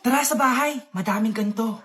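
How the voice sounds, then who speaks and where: A woman acting out short comedy skits, playing several parts with loud, exaggerated delivery. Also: fairly high pitch, fast talker. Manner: loud, exaggerated skit delivery, shouting often.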